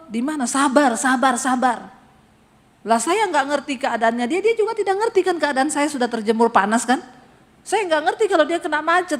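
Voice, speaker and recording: A woman pastor preaching a sermon, telling a story with lively acted-out voices and calling out to the congregation. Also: sits high, long reverb tail. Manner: animated storytelling, acting out voices, addressing congregation as brothers.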